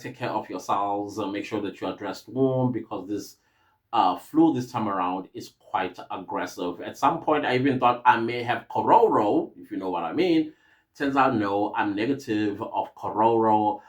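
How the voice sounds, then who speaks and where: South African male podcast host with a mid-range voice, earnest and rambling, full of hesitations. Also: mid-range voice. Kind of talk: casual podcast monologue.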